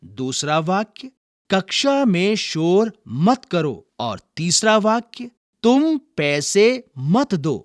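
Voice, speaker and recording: Slow, deliberate male Hindi teacher. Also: sits high, very animated, no echo, studio quality. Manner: slow, deliberate dictation of sample sentences. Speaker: teacher reading textbook exercises. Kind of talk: scripted lesson narration.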